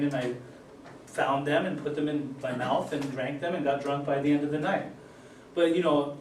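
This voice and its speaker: A middle-aged man born in Germany and raised in Utah, giving an earnest personal recovery testimony with many fillers and pauses. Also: fairly high pitch, slight background noise. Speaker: recovery speaker. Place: event hall. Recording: echoey hall, distant mic.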